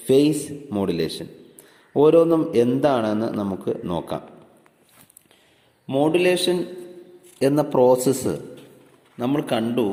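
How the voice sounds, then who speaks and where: A man teaching a class, explaining each point step by step, asking questions and answering them himself, and reading definitions out slowly. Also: mid-range voice, dark tone. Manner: reads English definitions slowly word by word. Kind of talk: classroom lecture explaining electronics. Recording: echoey room with long reverb.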